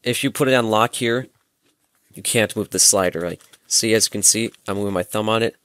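A gadget tutorial presenter, a young adult man, gives a relaxed hands-on demo, explaining each step informally from a small room in his home. He speaks briskly in a fairly low, clean, fairly bright voice, captured dry by a headset microphone.

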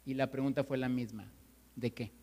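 A man's voice: medium pitch, fairly even intonation, moderate pace, a little mellow. A man preaching a sermon as pastor, emphatic and full of rhetorical questions. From Mexico. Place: church hall. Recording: long reverb of a church hall.

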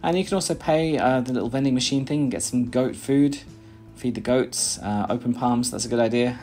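A British man in his thirties rambles through casual vlog talk and voice-over narration, leaning heavily on "uh"s and restarts. His mid-range voice is a little mellow and fairly quick. He's in a small, plain indoor room with faint music behind.

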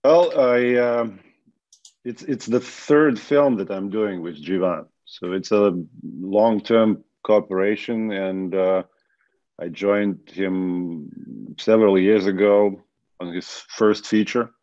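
A film producer answering questions on a video call, thoughtful, repeating words and adding fillers. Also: male voice, lowish voice, takes it slowly, a little mellow, dry recording. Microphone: webcam on a video call. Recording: dull webcam audio.

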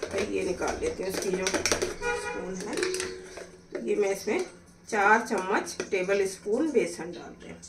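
A woman's voice: medium pitch, big pitch swings, slow, pauses often, distant mic, music in the background. A woman chatting casually as she demonstrates a recipe at home, explaining each step as she cooks. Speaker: cooking vlogger. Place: home kitchen. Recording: echoey kitchen, voice from off-mic. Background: clatter of pots and utensils.

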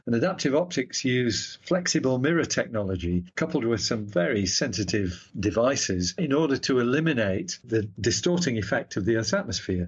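A man's voice: mid-range voice, husky, dull audio. A man, an astronomer, explaining science in a patient, conversational way with touches of self-deprecating humor. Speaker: astronomer guest.

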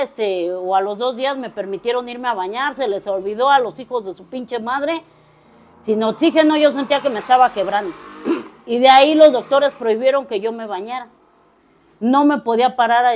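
A woman's voice: a little high, darkish tone. A middle-aged woman with a Mexico City accent giving a personal testimony to a recovery group, telling her story bluntly and crudely with heavy slang. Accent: Mexico City Spanish. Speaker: speaker at a recovery meeting.

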